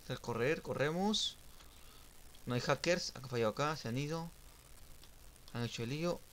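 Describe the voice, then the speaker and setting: A young man streaming a game, giving casual live commentary that swings from muttering to sudden shouts and sing-song teasing. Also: mid-range voice, normal speed, slight background noise. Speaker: gaming streamer.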